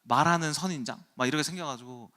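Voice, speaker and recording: A man's voice: fairly high pitch, quick pace, bright, forceful tone. A man in his thirties, a pastor, telling a self-deprecating story in an early-morning sermon.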